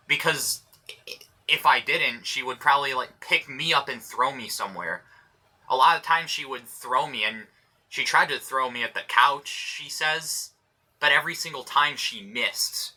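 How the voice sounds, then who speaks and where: A man's voice: on the high side, sharp tone. A young man telling stories in a casual vlog, blunt and rambling, swearing often. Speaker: vlogger.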